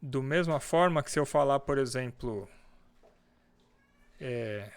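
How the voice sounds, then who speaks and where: Man, from Brazil, English teacher on a video call, slow and deliberate, stretched-out example words, computer mic. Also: medium pitch, clean tone. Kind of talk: online class teaching English grammar in Portuguese.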